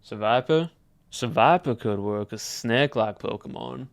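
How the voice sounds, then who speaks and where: A man chats casually with viewers on a livestream, musing aloud in a loose, put-on American Southern drawl. His mid-range voice has vocal fry and moves at a moderate pace. The recording is dry.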